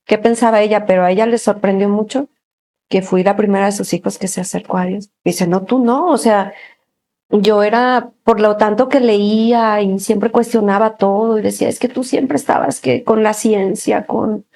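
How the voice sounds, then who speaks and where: A woman gives a personal faith testimony as an interview guest, a lively storyteller who laughs often and fills her talk with little pauses. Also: mid-range voice.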